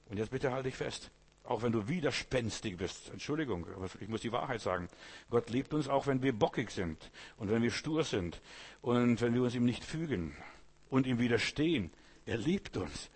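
Man, sermon, husky voice, talks straight to the listener, storytelling preacher. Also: medium pitch. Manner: addresses listener directly, storytelling, voices quoted figures.

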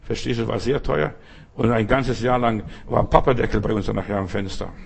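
A middle-aged man from the former Soviet Union preaching a sermon, talking straight to the listener and bursting into dramatic shouted cries for help. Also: lowish voice, steady tone, moderate pace, gravelly, husky. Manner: talks straight to the listener with repeated "verstehst du".

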